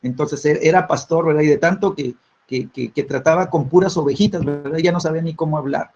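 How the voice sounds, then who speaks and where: Husky preacher man, tag questions everywhere. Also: fairly high pitch, brisk, darkish tone, soft background music. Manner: peppers phrases with tag questions; repeats words when restarting. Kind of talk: sermon teaching. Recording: dull lo-fi recording.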